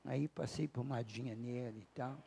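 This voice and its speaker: A man with a Brazilian accent giving a spiritual lecture, telling a personal story, acting out the dialogue and slowing down to stress key words. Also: mid-range voice, fairly even intonation, creaky, slight background noise. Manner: storytelling, acting out dialogue with big shifts in loudness. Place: lecture hall at a spiritist center.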